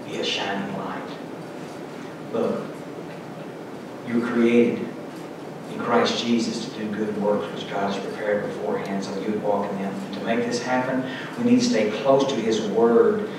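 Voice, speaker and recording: A man's voice: lowish voice, very noisy. A middle-aged man preaching a sermon at a pulpit, earnestly reading scripture aloud with emphasis. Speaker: pastor. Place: church sanctuary, indoors, at a pulpit. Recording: echoey church from far off.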